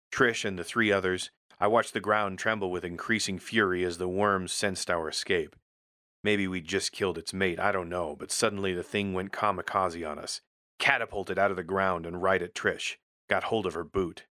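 A story narrator with a very deep, forceful voice tells scripted first-person fiction tersely, like a gritty soldier. His tone is steady and his speed normal, and the recording is close and dry.

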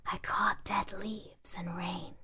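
A woman voicing a crowd of discarded plastic bags in a breathy, eerie whisper. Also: medium pitch, fairly even intonation, takes it slowly, sharp tone, full character voice. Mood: eerie hushed.

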